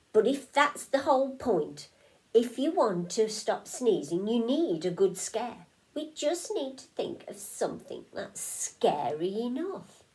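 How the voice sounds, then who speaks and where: A woman's voice: medium pitch, dark tone, rough recording. A woman voicing an encouraging young fish friend in a storybook, eager and coaxing.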